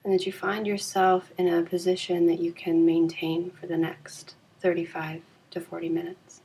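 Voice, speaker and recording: A yoga nidra guide, a woman with a fairly low, husky voice touched by vocal fry, leads a deep relaxation practice. She speaks calmly and soothingly in a very even tone, taking unhurried pauses between phrases. The recording is rough.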